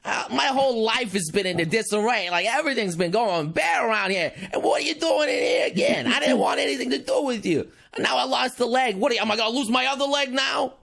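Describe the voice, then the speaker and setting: A man's voice: very high voice, expressive, fast, vocal fry, few pauses, fairly bright tone, pitched above the performer's own voice, full character voice. Man doing a grumpy New York cat. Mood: aggrieved. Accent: New York (put on). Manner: whiny, complaining, exasperated. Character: grumpy male Meowth with New York accent.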